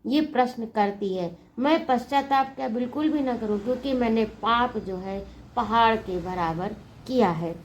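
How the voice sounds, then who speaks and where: A woman's voice: fairly high pitch, normal speed, slight background noise. A woman teacher explaining a poem, reciting each line and then paraphrasing it in simple words. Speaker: Hindi teacher.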